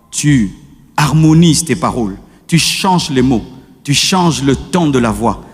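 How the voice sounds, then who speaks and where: A man preaching a sermon as pastor, shifting between gentle teaching and shouted exhortation. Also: a little high, in a large hall. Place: church.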